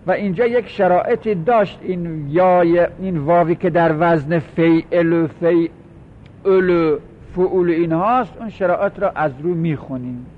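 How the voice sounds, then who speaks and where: Male grammar teacher, a touch higher pitch, slow drawn-out examples, self-questioning lecture style, dull lo-fi sound. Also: a little hiss or hum. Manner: drawls out example words slowly, poses and answers his own questions. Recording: dull lo-fi recording.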